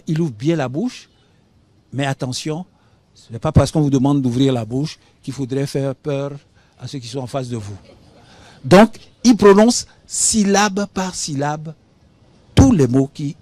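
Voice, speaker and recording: His medium-pitched voice is a little mellow, and the studio mic captures no room sound. He's a Beninese guest expert on public speaking who explains the craft on a talk show with patient, didactic teaching, spelling out words and asking "hein?"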